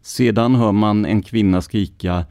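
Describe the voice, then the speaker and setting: A man hosting a true crime podcast, reading police records in a measured, scripted narration. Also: on the low side, steady tone, a little mellow, no echo, clean studio sound. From Sweden.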